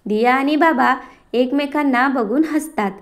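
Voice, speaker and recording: A woman narrating a family story, reading it aloud in a descriptive, measured way. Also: high voice.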